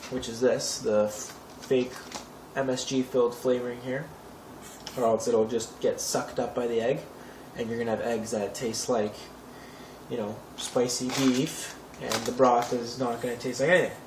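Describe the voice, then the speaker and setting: A young cooking host talks through a tutorial in his home kitchen with a level tone and normal speed, his voice mid-range. He's chatty and casual, slipping in wry asides. The audio is noisy and echoey from a distant camera mic, with pots and cutlery clattering.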